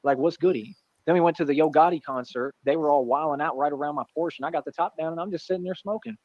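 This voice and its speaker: A man's voice: fairly high pitch, fast, a little mellow, no echo, muffled recording. A man in his thirties bragging and taunting in brash, repetitive trash talk. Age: 30s. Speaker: streamer in a played clip.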